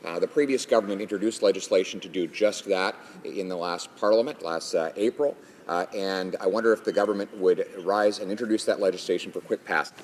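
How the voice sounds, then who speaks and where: Male MP, deep voice, halting question delivered in a reverberant hall. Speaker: member of parliament asking a question. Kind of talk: parliamentary question. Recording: reverberant chamber with faint noise.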